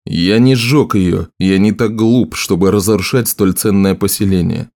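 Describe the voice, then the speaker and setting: A man's voice: low-pitched, a little slow, a little mellow. A man doing a curt, commanding general. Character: cold ambitious general, man, half-masked, proud.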